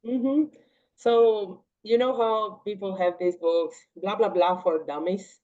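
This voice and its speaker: Slow and mid-range in voice, this young Paraguayan woman, a native Portuguese speaker, chats in a relaxed way as a podcast guest, with frequent "like"s and laughter. The casual interview was recorded in slightly dull, lo-fi audio.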